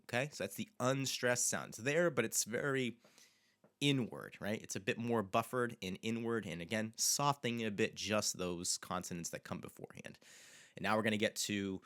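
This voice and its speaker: A man, a language teacher, explaining pronunciation in an unhurried way and repeating example words slowly. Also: on the low side, fairly bright tone, dry recording, studio quality.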